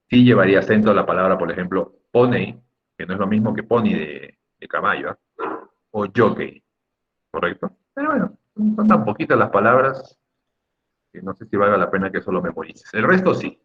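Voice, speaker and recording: Here a man with a fairly low pitch walks students through Spanish accent rules, and the audio sounds dull. His teaching style is didactic and emphatic, full of repeated key words and quick tag questions.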